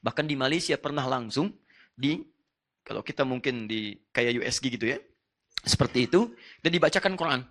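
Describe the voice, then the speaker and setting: A man preaching an Islamic sermon, telling personal stories in an animated way and acting out the dialogue. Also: medium pitch, fairly quick, long pauses. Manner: animated storytelling, acts out dialogue.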